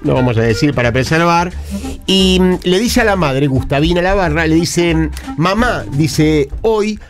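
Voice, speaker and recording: Brief: male radio host, comic storyteller, fairly high, very lively pitch. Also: normal speed, faint music behind. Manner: animated, acts out quoted dialogue.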